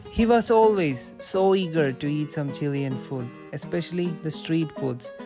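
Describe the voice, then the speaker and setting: A man's voice: fairly high pitch, moderate pace, music in the background. A man hosting a food segment, cheerful and reacting with short interjections. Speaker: segment host.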